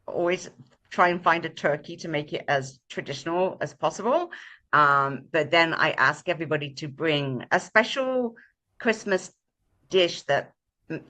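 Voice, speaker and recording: A woman sharing a personal story as a guest on a video call, talking casually and pausing often with ums and uhs. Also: sits low, bright, forceful tone. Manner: halting, many ums and uhs. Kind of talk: casual sharing on a live show.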